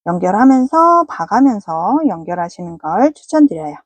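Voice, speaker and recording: A woman's voice: mid-range voice, very animated, normal speed, no room sound. A woman giving a patient, polite step-by-step crochet tutorial. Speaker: crochet instructor.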